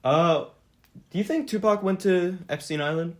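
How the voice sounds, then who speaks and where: A man's voice: high voice, moderate pace. A young man from Canada co-hosting a casual podcast, joking and laughing often. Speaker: podcast co-host. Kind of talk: casual chat.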